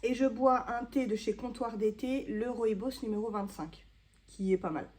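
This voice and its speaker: French woman in her thirties, chatty self-mocking vlogger, soft mellow tone, casual talk to camera. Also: a little high, normal speed. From France. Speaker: booktuber. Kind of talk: casual vlog chat to camera.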